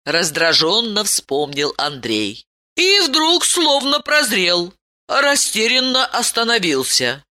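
A woman narrating an audiobook in a measured, emotive storytelling way. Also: medium pitch, huge pitch swings, bright, forceful tone.

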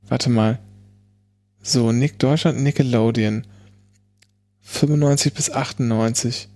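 A man's voice: medium pitch, fairly even intonation, slow pace, warm tone, soft background music. A man chatting casually as a podcast host, hesitant and often restarting his phrases. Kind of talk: casual chat.

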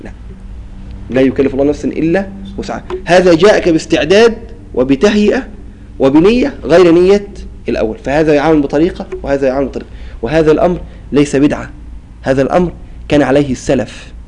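A man's voice: on the high side, expressive, quick pace, warm tone, a little hiss or hum, poor audio. A man teaching a class on Quran recitation rules, explaining and demonstrating pronunciations and often checking with the students. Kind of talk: classroom lesson on tajweed.

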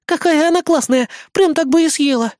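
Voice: medium pitch, animated, fast, darkish tone, dry recording, studio quality, voice pushed up, close to an everyday voice. A reader voicing a playful young female lieutenant who teases her partner and the idol. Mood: teasing. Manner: playful, teasing. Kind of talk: audiobook character voice.

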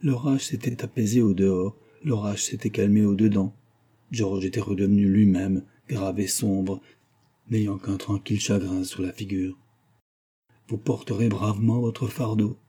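A man narrating a classic novel in a measured, dramatic audiobook reading. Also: lowish voice, flat delivery, warm tone. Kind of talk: scripted narration.

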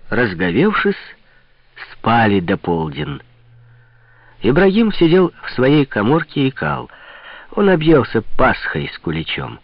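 A man narrating a novel as an audiobook, reading slowly and expressively, dropping to quiet whispers at times. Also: mid-range voice, no room sound, dull audio.

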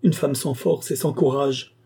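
A man's voice: mid-range voice, fairly even intonation, unhurried, vocal fry, dark tone, slightly rough, pitched above the performer's own voice. A man voicing a desperate young governess who pleads in a broken, sobbing voice. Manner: pleading, breaking voice.

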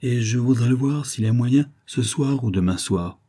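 A man's voice: mid-range voice, normal speed, warm tone, pitched above the performer's own voice, lightly acted. A man voicing a cunning young man who poses as a servant and speaks in a sly, insinuating way, in an audiobook. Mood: knowing.

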